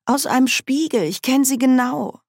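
A woman's voice: sits high, normal speed, a little mellow, no room sound, studio quality, pitched above the performer's own voice. Woman voicing an anxious, plaintive young woman. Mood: worried. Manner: plaintive, worried. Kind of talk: audiobook character voice.

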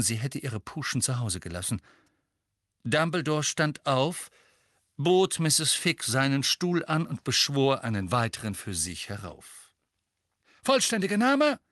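A man narrating an audiobook in an expressive, storytelling manner. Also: medium pitch, dry recording, studio quality. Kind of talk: scripted narration.

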